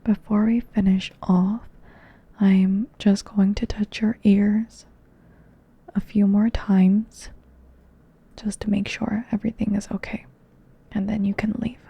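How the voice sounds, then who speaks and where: A woman voicing a gentle doctor in an ASMR roleplay, speaking in a soft breathy whisper. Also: medium pitch, flat delivery, slow pace, pauses often, dry recording, muffled recording, exaggerated voice. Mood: soothing.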